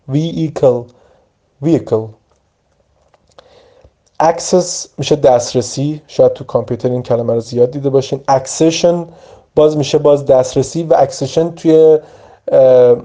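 Mellow-voiced man teaching vocabulary. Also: mid-range voice. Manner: slow, deliberate word-by-word pronunciation drills. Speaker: English teacher. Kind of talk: vocabulary lesson.

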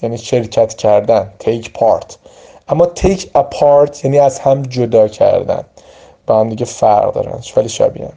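A man runs a vocabulary lesson, explaining one word after another. His voice is very dark and mellow, and he sits at an average pitch for a man, stopping to drill the pronunciation. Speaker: English vocabulary teacher.

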